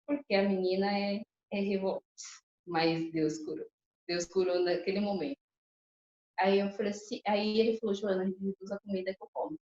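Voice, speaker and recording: A woman's voice: medium pitch, flat delivery, moderate pace, a little mellow. A young woman gives a personal testimony at a church couples' course. She tells her story with emotion and often turns to her listeners. The hall echoes noticeably, and the recording sounds a little dull and muffled.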